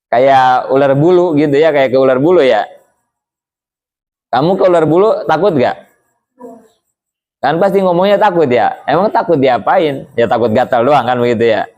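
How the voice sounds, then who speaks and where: Man, casual religious lesson, easygoing questioning style, mid-pitched voice. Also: darkish tone, highs cut off. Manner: chatty, keeps asking rhetorical questions. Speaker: Islamic teacher.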